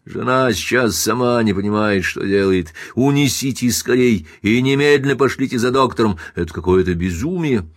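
A man reading an audiobook and voicing a powerful, angry man who barks orders in a hoarse voice. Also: mid-range voice, normal speed, hardly any pauses, dry recording, studio quality, natural voice. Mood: commanding anger. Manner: barking orders. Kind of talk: audiobook character voice.

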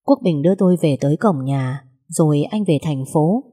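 A woman narrating a first-person story in an even, plain reading voice. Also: low voice, normal speed, slightly rough.

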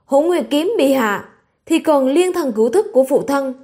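A woman's voice: high voice, lively intonation, moderate pace, warm tone. A woman voicing an earnest young woman, heir to a martial sect, calling out with urgency in a storybook reading. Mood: urgent.

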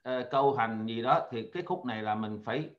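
A man talks quickly as a student working through a text, pausing on fillers as he thinks aloud. His audio comes over a call and sounds dull and lo-fi. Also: medium pitch. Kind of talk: asking questions in an online class.

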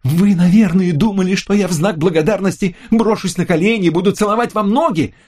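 A man voicing a frantic young woman who screams furious accusations in a shrill voice. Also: a little fast, a little mellow.

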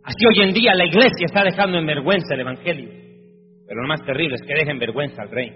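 A man's voice: fairly high pitch, very fast. A man preaching a sermon with emphatic rhetorical questions, reading scripture aloud. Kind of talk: evangelical sermon. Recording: reverberant, dull sound with faint music.

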